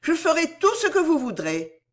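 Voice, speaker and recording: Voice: high voice, wildly swooping pitch, moderate pace, pitched above the performer's own voice. A reader voicing an earnest, pleading young woman. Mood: vowing. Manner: pleading, emphatic. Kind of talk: audiobook reading.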